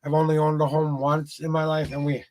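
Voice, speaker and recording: A man with a rural Minnesota Midwest accent talks fairly quickly in a higher-leaning, darkish voice with flat delivery. Chatting casually with livestream viewers over a tarot reading, he rambles, often repeating words and restarting.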